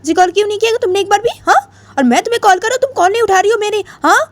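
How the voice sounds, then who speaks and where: A woman voicing an upset young woman lover who scolds her girlfriend in a shrill, raised voice with repeated questions. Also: racing, no echo. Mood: upset, scolding.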